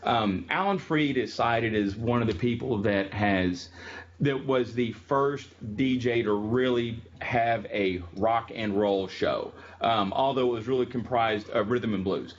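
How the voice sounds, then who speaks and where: A man lectures to a classroom in a relaxed, chatty way, drifting into stories and filling pauses with ums. The recording sounds a little dull, with a faint hiss underneath. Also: mid-range voice. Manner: chatty, storytelling, frequent ums. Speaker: music history lecturer.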